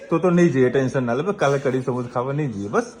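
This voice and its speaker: A man's voice: medium pitch, fast talker, a crowd in the background. A man chatting casually in a family vlog from his home kitchen, in a reassuring way. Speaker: vlogger. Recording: echoey room, noisy background.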